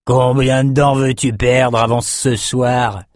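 A man doing a drunk thug, growling, threatening, loud, dry close sound. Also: medium pitch, normal speed, no room sound, voice pushed up, lightly acted. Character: drunk, red-eyed male thug.

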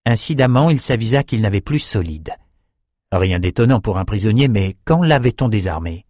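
A man reading fantasy narration in a steady, measured way. His voice sits low, and the recording is dry and close with no room sound. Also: no echo. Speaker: audiobook narrator.

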